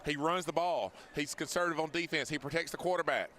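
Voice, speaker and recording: Bright, punchy man talking sports. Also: a little high, quick pace. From Wrightsville, Georgia, USA. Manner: colloquial, animated storytelling. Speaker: former football player, guest analyst. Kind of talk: live sports commentary. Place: outdoors at a parade.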